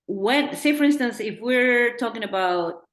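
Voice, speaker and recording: A middle-aged woman from Peru with a Peruvian accent, talking earnestly as a director in a Q&A and thinking out loud with restarts. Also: fairly high pitch, expressive, measured pace. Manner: earnest, thinking aloud with restarts and acted-out quotes. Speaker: documentary director. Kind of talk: Q&A discussion. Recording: roomy echo.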